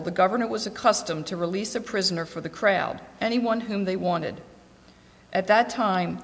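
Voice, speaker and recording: A woman reading scripture aloud in a steady, clear voice. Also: medium pitch. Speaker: scripture reader. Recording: long echoing reverb.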